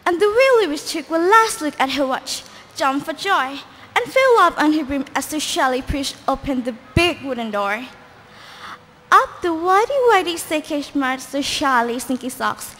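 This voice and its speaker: A woman narrating a children's storybook as readers' theatre, in a lively, expressive way. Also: sits high, moderate pace, slight background noise. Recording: echoey hall.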